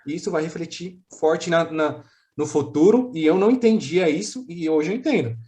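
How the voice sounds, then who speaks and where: A man's voice: on the high side, normal speed, mellow. A man from Brazil, a podcast guest, talking in an earnest, reflective way with frequent restarts and casual slang. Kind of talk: casual interview chat.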